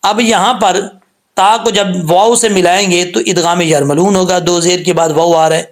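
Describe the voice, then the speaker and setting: With a high-sitting voice and a steady tone, a man patiently instructs listeners in Quran recitation rules. He explains how letters sound, goes over points again, and stretches out each sound in slow demonstrations.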